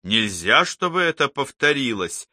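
A man voicing a calm, persistent male psychologist who gently coaxes a troubled patient in an audiobook. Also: mid-range voice, a little slow, no room sound, clean studio sound, voice pushed up, exaggerated voice. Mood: coaxing.

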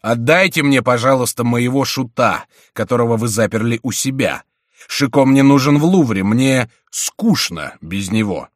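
A man voicing a bored king who speaks calmly and imperiously. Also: medium pitch, measured pace, few pauses, no room sound, clean studio sound, pitched above the performer's own voice, natural voice. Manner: calm, imperious, languid.

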